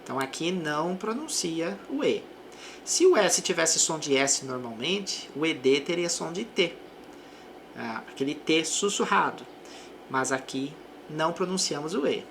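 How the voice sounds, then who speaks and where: A woman teaching an English lesson, reading example sentences slowly and then explaining them more quickly. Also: deep voice, sing-song, vocal fry, a little hiss or hum. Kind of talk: language lesson.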